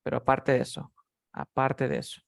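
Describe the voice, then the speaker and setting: A man's voice: medium pitch, big pitch swings, normal speed, creaky, no echo, studio quality. A man teaching English to beginners in a live class, patiently drilling words and calling on students by name.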